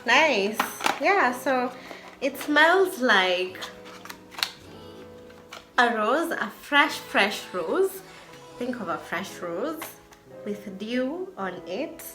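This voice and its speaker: A woman's voice: a little high, sing-song, drawn-out words, pauses often, over music. A woman vlogger chatting casually to camera in an effusive way, often repeating words for emphasis.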